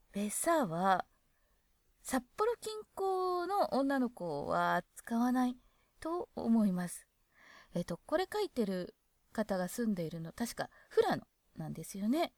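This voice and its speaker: A woman's voice: mid-range voice, big pitch swings, slow pace, a little mellow, dry recording, clean studio sound. Chatty Hokkaido woman explaining dialect. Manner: chatty, adds asides to the text. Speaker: dialect explainer reading a guide. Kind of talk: casual reading with commentary.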